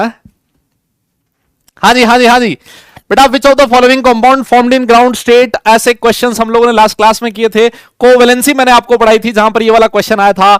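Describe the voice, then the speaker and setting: High-pitched chatty male chemistry teacher. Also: clear, resonant tone, dry recording. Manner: chatty, jokey, calls students beta. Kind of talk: live online class with chat and polls.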